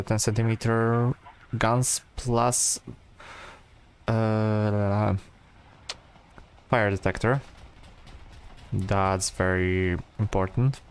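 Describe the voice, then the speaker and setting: A man giving relaxed, rambling gameplay commentary, full of fillers and restarts. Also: on the low side, smooth. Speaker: gameplay streamer.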